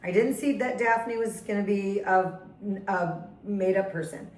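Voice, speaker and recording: A woman co-hosting a podcast in a casual book chat. She is giggly and animated and talks in quick bursts. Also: mid-range voice, reverberant, low-quality recording. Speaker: podcast co-host.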